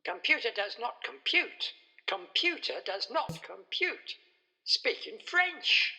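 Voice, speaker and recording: A bossy talking car computer from a storybook, played by a woman, reciting clipped, repeated announcements. Her voice sits high and swings widely in pitch, delivered slowly with a bright, slightly husky edge. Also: sing-song, exaggerated voice. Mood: insistent. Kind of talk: storybook voice acting.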